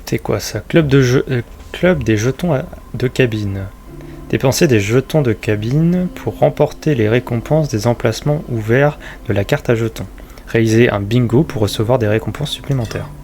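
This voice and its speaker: A man's voice: medium pitch, moderate pace, a little mellow. Man doing casual let's play commentary. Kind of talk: casual game commentary, reading on-screen text aloud.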